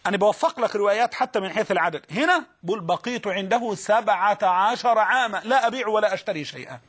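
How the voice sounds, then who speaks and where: A man's voice: high-pitched, lively intonation, quick pace, a bit bright, slightly rough. A man with an Egyptian accent giving an Islamic lesson to students, telling stories animatedly and acting out the quoted voices. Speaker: preacher.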